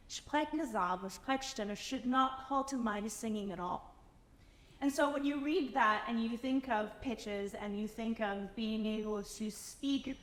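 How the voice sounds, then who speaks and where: A woman with a fairly high voice explains her vocal technique to a concert audience in an animated way. The sound is roomy, with a long reverb from the hall around her. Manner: animated, demonstrates by speaking and singing. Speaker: singer performing the speaking part.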